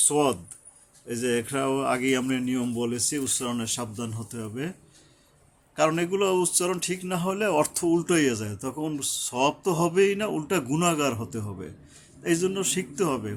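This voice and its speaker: A man teaching Quran recitation. He chants Arabic verses in long drawn-out phrases, then explains pronunciation in earnest, instructive speech. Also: on the high side, a little hiss or hum. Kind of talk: recitation lesson.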